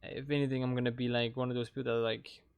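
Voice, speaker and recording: Speaking very fast in a flat, creaky yet smooth mid-range voice, this young Danish-accented man closes out a game playthrough for his channel. His casual talk wanders, full of fillers, hesitations and restarts. The desk-mic recording has no echo.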